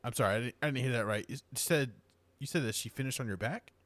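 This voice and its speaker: Bright-voiced man, playfully ribbing. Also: mid-range voice, fast, no room sound, studio quality. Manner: playful ribbing, hesitant fillers. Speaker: podcast co-host. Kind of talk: casual chat.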